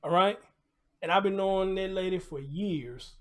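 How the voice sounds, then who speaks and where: An American man whose voice sits high talks at a moderate pace while hosting a casual live commentary show. He sounds conversational, with preacher-like asides, recurring phrases and rhetorical questions.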